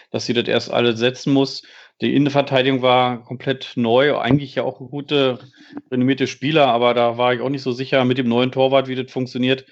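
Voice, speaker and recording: A man chatting casually as a podcast guest, giving measured opinions with hesitations. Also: medium pitch. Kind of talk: casual chat. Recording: dull lo-fi sound.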